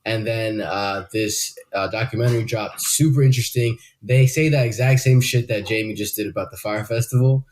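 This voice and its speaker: A man's voice: lowish voice, fairly even intonation, normal speed, hardly any pauses, darkish tone. A young man co-hosting a podcast in casual chat, rambling loosely with lots of fillers and swearing. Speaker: podcast co-host.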